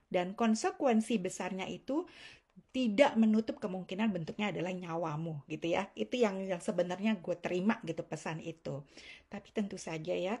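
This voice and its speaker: A woman's voice: mid-range voice, a little mellow, husky. A woman, telling a personal story in a casual, reflective monologue. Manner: conversational, reflective storytelling with fillers. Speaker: commentator.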